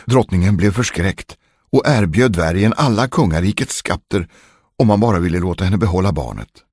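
Brief: male storyteller, gravelly and low, swooping expressive reading. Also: dry recording, studio quality. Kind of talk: fairy-tale reading.

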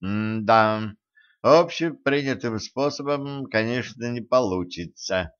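A man voicing a calm, tactful male doctor who speaks in a slow, measured, hesitant way, in a dull lo-fi recording. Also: mid-range voice, clean tone.

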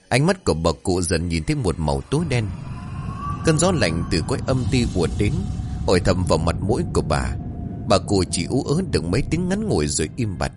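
A man narrating a scripted ghost story in a dramatic, suspenseful way. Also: deep voice.

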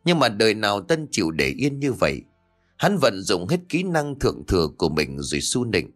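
Lively male storyteller. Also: lowish voice, normal speed, faint music behind. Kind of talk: audio story narration.

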